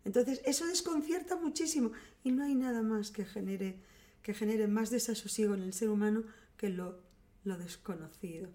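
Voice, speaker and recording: A woman with an accent from Spain, calmly explaining relationship advice to her viewers in a teaching tone. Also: medium pitch, moderate pace.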